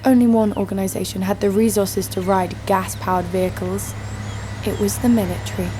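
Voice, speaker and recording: Lightly acted over a noisy background, a woman narrates in the first person as a tough, sardonic fighter, wry and dryly funny, in a scripted audio drama. She speaks briskly in a steady, medium-pitched voice.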